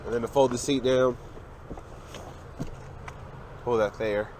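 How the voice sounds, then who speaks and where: Speaking slowly in a mid-range voice with a steady tone, this young male reviewer is recovering from a cold. He strolls in and around a car parked outside, narrating a casual walkaround review as he highlights its features, with background noise audible.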